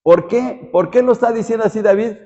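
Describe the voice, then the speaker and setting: Animated male pastor, mellow tone. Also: high voice, brisk, highs cut off. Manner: animated, rhetorical questions to the congregation. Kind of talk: Bible study sermon.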